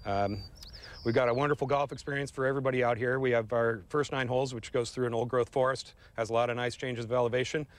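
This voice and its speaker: A man's voice: medium pitch, steady tone, fast talker, dry recording. A man, a golf professional, interviewed outdoors on the course and describing it in a friendly, matter-of-fact way.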